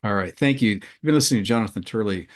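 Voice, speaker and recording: A man's voice: lowish voice, very fast. An older man hosting a podcast interview, asking long, rambling questions full of restarts. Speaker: interviewer, show host.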